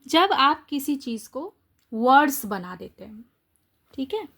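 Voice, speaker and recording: A high-pitched young woman runs an exam-prep English lesson. She speaks at an unhurried pace, poses rhetorical questions and walks through each answer step by step. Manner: lively, rhetorical questions, mixes Hindi and English. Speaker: English teacher.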